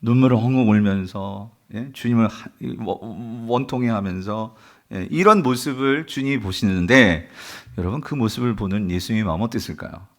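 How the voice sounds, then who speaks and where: A man's voice: fairly low pitch, normal speed. A man preaching as pastor to his congregation, asking questions and building to impassioned climaxes. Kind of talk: sermon. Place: church sanctuary.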